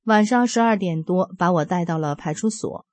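Mellow-voiced woman in her fifties. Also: on the low side, moderate pace, dry recording. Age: 50s. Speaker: religious practitioner sharing a testimony. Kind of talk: reading a personal account aloud.

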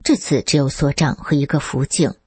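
A woman reading a first-person account as scripted narration, lifting her pitch for quoted speech. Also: moderate pace, a little mellow, husky, no room sound. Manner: reads steadily, lifts the pitch for quoted speech.

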